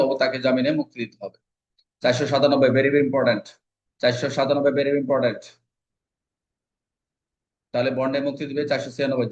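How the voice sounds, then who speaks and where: Speaking with a Bangladeshi accent in a mid-range voice, a male exam coach gives an informal lecture on legal code sections, sprinkling in English legal terms. He drills points repetitively, posing rhetorical questions and answering them himself. The audio is dull and lo-fi.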